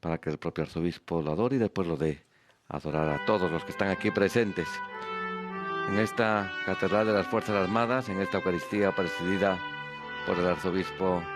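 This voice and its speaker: A man's voice: deep voice, brisk. A man commentating on a religious broadcast of a Mass. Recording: loud music under the voice.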